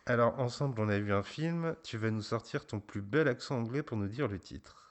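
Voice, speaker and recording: A man hosting a casual podcast, patiently guiding a young guest with gentle questions. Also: medium pitch, brisk. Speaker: podcast host interviewing a child.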